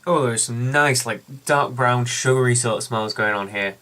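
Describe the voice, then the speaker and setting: A man's voice: medium pitch, normal speed, sharp tone. A man hosting a casual beer review, chatting and telling a story with lots of ums and uhs.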